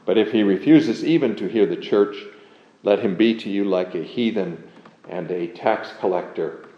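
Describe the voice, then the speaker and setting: A man preaching an expository sermon, earnest and measured, reading scripture aloud and leaning hard on key words. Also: lowish voice. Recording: dull, echoey room sound.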